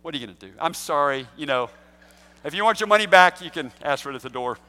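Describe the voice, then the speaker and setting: Man, pastor, sermon, high voice, animated and jokey, long hall reverb. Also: fast.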